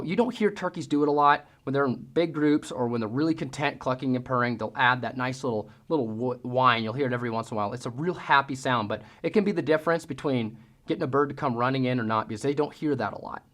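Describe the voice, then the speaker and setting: A man with a mid-range, somewhat bright voice teaches hunting calls in a casual, folksy how-to. He demonstrates by mimicking the sounds with his own voice.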